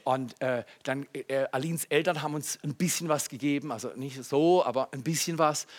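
A male pastor giving a conversational, animated sermon, with asides and questions to the congregation. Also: medium pitch, moderate pace.

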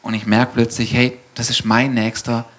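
A man's voice: mid-range voice, little pitch movement, moderate pace. A man on a church panel with an ordinary mid-range voice. He talks in a reflective, conversational way, often restarting his sentences as he shares his thoughts.

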